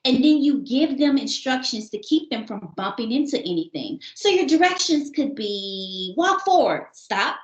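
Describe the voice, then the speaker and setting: A woman with a voice on the high side hosts a kindergarten-readiness parenting show, delivering scripted, upbeat instructions to parents in an encouraging, teacherly manner. The room sounds echoey.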